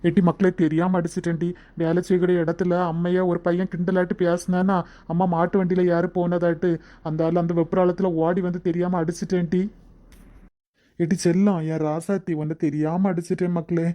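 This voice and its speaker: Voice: medium pitch, little pitch movement, mellow, lightly acted. A voice actor voicing a guilty village father in a cartoon, begging his wife's forgiveness. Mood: pleading, coaxing. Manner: quick, guilty, pleading. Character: remorseful village father, rough but sorry. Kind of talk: cartoon voice acting.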